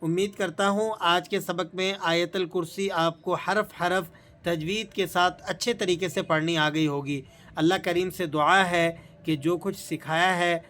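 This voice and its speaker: Bright, clear-voiced man teaching Quran recitation. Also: a little high. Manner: recites verses slowly and drawn out, then explains rules in calm plain speech. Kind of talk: Tajweed lesson with slow recitation.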